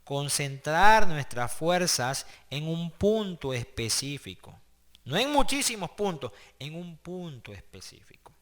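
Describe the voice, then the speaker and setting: A man teaching a class online, with a bright, forward voice that sits a little above the usual male range. He talks conversationally and keeps checking in with the students. He builds each idea step by step and now and then restarts a phrase as he goes. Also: a little high, big pitch swings, a little slow. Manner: explains step by step, with hesitant restarts. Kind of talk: online class lecture with prayer.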